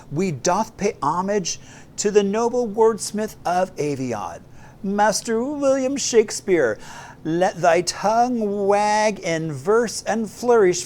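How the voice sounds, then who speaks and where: A man putting on a grandiose mock-Shakespearean voice, proclaiming in slow, theatrical, old-fashioned verse. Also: a little mellow. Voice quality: booming, theatrical, drawn-out declamation.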